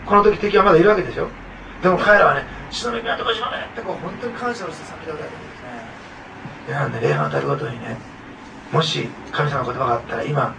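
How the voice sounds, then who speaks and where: A man pastor delivering a sermon in an earnest, repetitive way, leaning on little asides to his listeners. His fast, gravelly voice sits a bit high and is picked up from some distance, with faint room noise behind.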